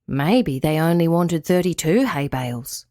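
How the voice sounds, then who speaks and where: A woman voicing a gentle, kind male hay bale character in a children's audio story, speaking softly and a little lower than her own voice. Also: lively intonation, a little slow, no room sound, clean studio sound. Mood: wistful.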